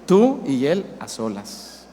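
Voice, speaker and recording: Un pastor mexicano de mediana edad predicando con énfasis y haciendo preguntas a la congregación. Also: male voice, medium pitch, huge pitch swings, slow pace, mellow. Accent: Mexican Spanish. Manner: emphatic, asks the congregation questions. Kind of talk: sermon. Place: church hall. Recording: reverberant church hall, faint hiss.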